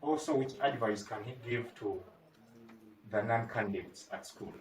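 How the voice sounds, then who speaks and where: A man's voice: mid-range voice, normal speed, background noise. A man, a TV presenter asking polite, somewhat hesitant interview questions. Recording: echoey room, mic at a distance.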